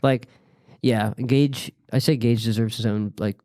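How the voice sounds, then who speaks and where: A man co-hosting a podcast, talking haltingly about a movie, with plenty of "like" and restarts. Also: mid-range voice, steady tone, a little mellow, dry recording, clean studio sound. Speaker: podcast co-host. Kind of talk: casual movie review chat.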